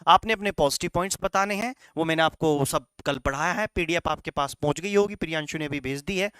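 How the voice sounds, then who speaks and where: A man's voice: on the high side, quick pace, sharp tone, clear, resonant tone, no room sound, studio quality. A man coaching students in a lecture, mixing English phrases into his Hindi, calling them "beta" and checking in with "right?" after each point. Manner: instructive, repeats "right?" and "चलेगा" to check in; calls the students "बेटा". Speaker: coaching teacher. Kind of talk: classroom lecture.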